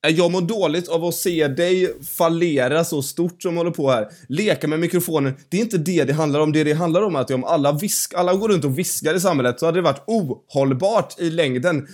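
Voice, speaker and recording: A man's voice: a little high, few pauses. A man in a comic podcast debate, arguing emphatically and mockingly, swearing now and then.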